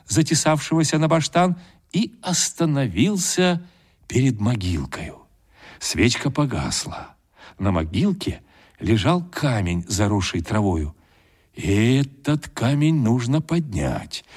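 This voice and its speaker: A male audiobook narrator reads a classic tale aloud in a husky voice. His delivery is lively, with wide swings in pitch. He builds suspense with well-timed pauses. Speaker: audiobook reader. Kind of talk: expressive literary narration.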